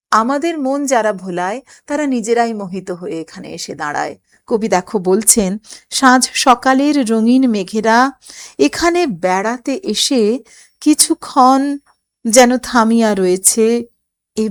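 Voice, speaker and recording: A woman teacher with a Bengali accent, explaining a poem to school students and reciting its lines with feeling. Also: medium pitch. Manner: expressive, lingering over recited lines. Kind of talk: poetry lesson for school students.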